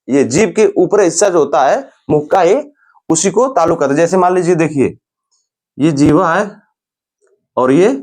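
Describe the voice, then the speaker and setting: A man teaching grammar in a lecture style. He explains slowly, repeats sounds and terms, and keeps calling the listener's attention. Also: fairly high pitch, darkish tone.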